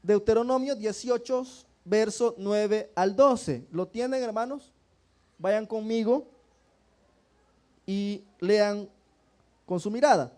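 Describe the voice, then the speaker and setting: A man's voice: high voice, slow pace, pauses often, mellow. A man preaching a sermon in church, often turning to his congregation with questions and calling them brothers. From El Salvador.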